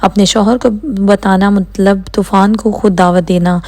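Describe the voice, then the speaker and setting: A woman's voice: mid-range voice, fairly even intonation, darkish tone. A woman narrating a novel as an audiobook, reading every character's lines herself and changing her tone for the dialogue.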